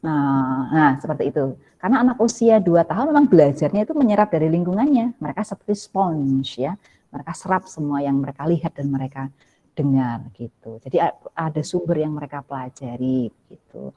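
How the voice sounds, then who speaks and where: Brief: low-voiced woman, warm and mellow, patient webinar speaker with lots of fillers, lo-fi call audio. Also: animated, brisk. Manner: gentle, hedging, many fillers and "ya" tags. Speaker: webinar speaker on child development. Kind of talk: live webinar Q&A, explaining to a parent. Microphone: video call. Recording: dull lo-fi video call audio.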